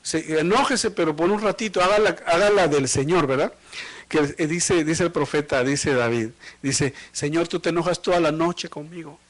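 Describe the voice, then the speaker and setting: Male pastor, sermon, rhetorical questions, emphatic then hushed, slightly high voice. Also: normal speed. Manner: preaching with rhetorical questions and direct address; swings between loud emphatic and low quiet delivery. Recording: livestream of a live church service.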